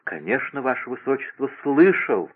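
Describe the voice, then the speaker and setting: A man's voice: on the low side, very animated, moderate pace. Man playing a nervous young court lady, pleading and flustered, tinny radio audio. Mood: anxious. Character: anxious young lady-in-waiting. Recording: tinny phone-like radio broadcast.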